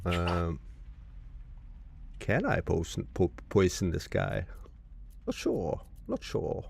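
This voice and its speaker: A man's voice: low-pitched, big pitch swings, takes it slowly, gravelly, background noise. A man from Norway, casually commenting on a live game stream and reading game text aloud. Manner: reads game text aloud, muses to chat.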